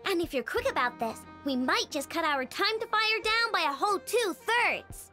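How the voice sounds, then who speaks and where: A woman's voice: very high voice, lively intonation, normal speed, bright, forceful tone, faint music behind, full character voice. An actress voicing a confident young girl inventor in a video game, speaking in a breezy, casual, matter-of-fact way.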